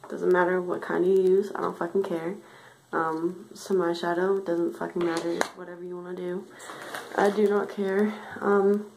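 A woman in her twenties chatting casually to her phone in a deadpan, offhand, sweary way. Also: medium pitch, vocal fry. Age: 20s. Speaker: vlogger giving a joke makeup tutorial. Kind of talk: casual vlog chat. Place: small tiled bathroom. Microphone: handheld phone at arm's length. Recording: echoey small room, some noise.

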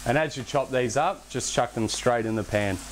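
A young man hosting a casual cooking demonstration in a home kitchen, relaxed and chatty, with self-deprecating asides. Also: medium pitch, moderate pace, noisy background. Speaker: cooking show host. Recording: background music under the voice. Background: music and pan sizzling.

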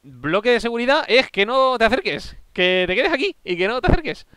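Bright, lively man explaining gameplay. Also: very high-pitched, brisk, clear, resonant tone, no echo. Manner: bossy, explains at length, teasing. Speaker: gaming YouTuber. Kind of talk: casual gameplay chat.

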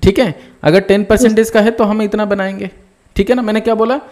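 A man with a high voice teaches a live nursing exam class. He walks through each point step by step, keeps asking whether students follow, and drops terms into his talk. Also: steady tone, fairly quick, darkish tone. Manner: explains step by step, often checks "ठीक है ना?". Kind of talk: live online class lecture.

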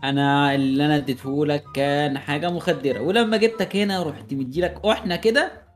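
A man's voice: on the high side, fairly quick, soft background music, lightly acted. A man voicing a sly, scheming male ghost kidnapper with an Egyptian Arabic accent, in an improvised game role-play. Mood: menacing. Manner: coaxing, then mocking and menacing.

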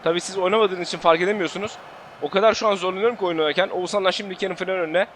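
A young man with a Turkish accent calls his football video game match live, fast and high-pitched, swearing and yelling as play swings. His voice is bright and tense, and game music plays faintly underneath. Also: a little hiss or hum. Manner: excitable, swears and shouts at the game. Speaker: gaming channel host. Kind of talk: live gameplay commentary.

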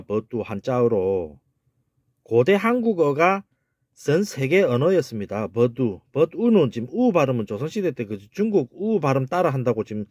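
A man's voice: mid-range voice, mellow, no echo, muffled recording. A man giving a casual video lecture on word origins, talking emphatically, repeating words and asking rhetorical questions. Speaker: amateur language lecturer.

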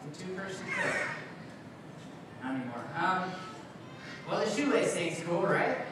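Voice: medium pitch, big pitch swings, normal speed. Informal bird show cohost bantering kinda hesitantly, super echoey and far from the mic. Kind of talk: casual comic stage banter. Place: live bird show before an audience. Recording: very echoey venue, distant, loud noise.

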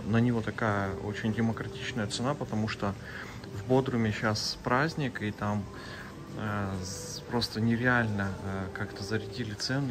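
A man's voice: on the low side, noisy background. Chatty man vlogging with a phone. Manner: chatty, addresses viewers as friends, many fillers. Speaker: travel vlogger. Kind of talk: casual travel vlog narration. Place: outdoors and in hotel rooms, walking with a phone.

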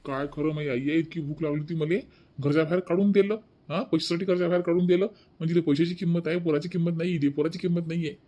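A man voicing a cheeky, fast-talking lazy son. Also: on the high side, flat delivery, dark tone, close to an everyday voice. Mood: sulking. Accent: Vidarbha Marathi. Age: 30s. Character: lazy, cheeky thirty-year-old son, back-talking. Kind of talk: cartoon voice acting.

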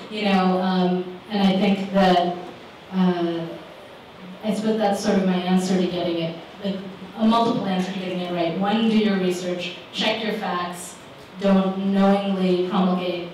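A woman in her forties, an author, fields audience questions on a panel in a living room with a small crowd. Her voice is medium-pitched and darkish, and she answers thoughtfully with lots of fillers. She speaks into a handheld mic, but the audio comes from a distant camera, so it sounds roomy with background noise.

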